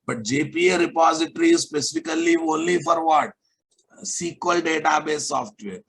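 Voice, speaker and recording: Guy w teaching coding online, creaky raspy voice, stern, keeps checking students get it. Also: on the high side, sing-song, normal speed. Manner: repeats phrases and questions students with check-in tags. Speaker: programming instructor. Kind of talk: live online software lesson.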